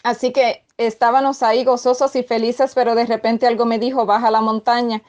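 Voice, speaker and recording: High-pitched lady telling her dream testimony, earnest, lots of ums and repeats. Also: level tone, a little fast, darkish tone. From Puerto Rico. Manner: earnest, with frequent fillers and repetitions. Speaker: testimony speaker recounting a dream. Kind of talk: spoken religious testimony.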